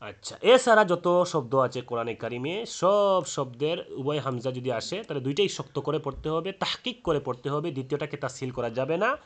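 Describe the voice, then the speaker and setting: A man teaching Quran recitation rules in a spoken lesson. He explains slowly, with frequent hesitant fillers, and chants the example words aloud. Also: a little high, lively intonation.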